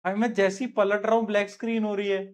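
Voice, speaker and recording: A man's voice: high voice, flat delivery, fast talker. A man teaching a live online science class in Hindi, chatty and teasing his students, slipping into English terms.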